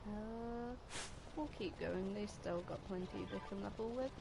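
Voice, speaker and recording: A woman's voice: mid-range voice, measured pace, vocal fry, noisy background. A woman giving casual, playful gameplay commentary as a streamer, with silly little sound words and chirpy asides. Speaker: game streamer.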